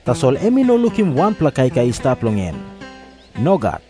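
A man's voice: mid-range voice, huge pitch swings, normal speed, over music. A man with a Papua New Guinean accent narrating scripture as a scripted story.

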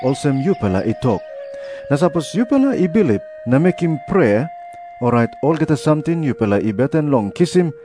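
Authoritative male teacher for Bible drama, Papua New Guinean accent, lively intonation, music behind. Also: on the high side, fairly quick. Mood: earnest teaching. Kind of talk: scripted audio Bible drama.

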